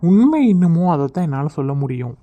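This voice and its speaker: Brief: a hurt college guy in a cartoon, mellow and curt, brushing off questions. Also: sits low, very animated, a little fast, dull audio. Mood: defensive. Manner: defensive, curt. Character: injured young male college student, defensive. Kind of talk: cartoon voice acting.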